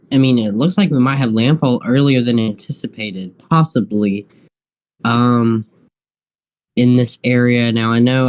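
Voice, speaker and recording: A man with a mid-pitched voice hosts live weather coverage. He speaks off the cuff and haltingly, often circling back over the same phrases as he thinks aloud. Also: darkish tone. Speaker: live weather stream host. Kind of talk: unscripted live weather commentary.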